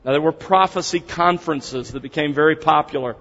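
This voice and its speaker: In a dull, reverberant hall recording, a man from the United States teaches a congregation, beginning his seminar lecture with a prayer. He speaks a bit quickly in a slightly high, fairly bright voice, earnest and conversational as he walks through each step.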